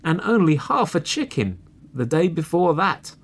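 A man voicing a litter of hungry little fox cubs in a storybook, pleading loudly in high voices. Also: very animated, a little slow.

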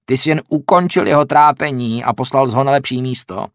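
A man voicing a calm, sly male traveller posing as a farmer, who teases in a soft, unhurried way in an audiobook. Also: medium pitch, no echo, studio quality, close to an everyday voice. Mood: teasing. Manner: calm, soft-spoken, teasing.

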